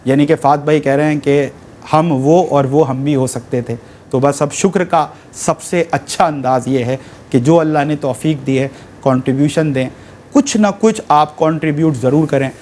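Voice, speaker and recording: Male telethon host, earnest appeal, voice pitched a bit high. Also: normal speed, darkish tone, a little hiss or hum. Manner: earnest, religious phrases, mixes in English. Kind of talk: charity appeal.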